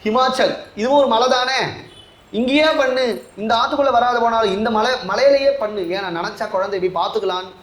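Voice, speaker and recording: A worried mountain king gently coaxes and pleads with his daughter, as a male discourse speaker voices him. The voice is high and has a roomy echo. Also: brisk. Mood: pleading. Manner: coaxing, pleading.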